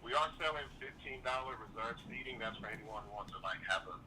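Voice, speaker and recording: Easygoing guy calling in, bright sharp voice, sounds distant with some hiss. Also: medium pitch, fast talker. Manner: easygoing, promotional. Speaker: caller, comedian. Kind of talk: casual phone-in chat.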